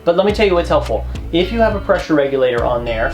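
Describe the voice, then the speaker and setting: A man's voice: a little high, animated, fast talker, a little mellow, faint music behind. A man co-hosting a travel vlog, giving tips in a chatty, joking, emphatic way. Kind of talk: casual how-to chat.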